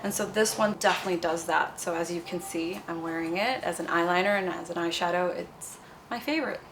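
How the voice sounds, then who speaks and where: A woman's voice: on the low side, a little fast, noisy background. A young woman from Nepal, a cosmetics founder, answering interview questions in a bubbly, chatty way. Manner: bubbly, chatty, fond of fillers like "you know".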